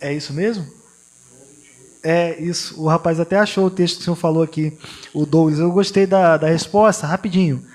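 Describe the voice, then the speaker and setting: A man's voice: fairly high pitch, steady tone, brisk, darkish tone. A man co-hosting a church live stream, relaying viewer comments and questions to the pastor. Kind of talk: casual live-stream chat.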